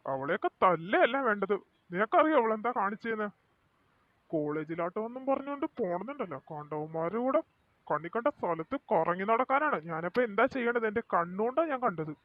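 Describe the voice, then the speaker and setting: A man's voice: sits high, sing-song, fairly quick, no echo. A man playing an angry, strict middle-aged father who scolds harshly. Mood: furious. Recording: dry tinny lo-fi sound.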